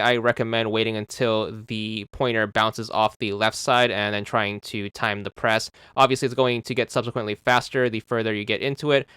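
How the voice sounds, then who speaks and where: A man hosts an achievement guide for a game, methodically repeating step-by-step instructions into a close microphone. His medium-pitched voice is smooth and a bit bright, and the recording is dry.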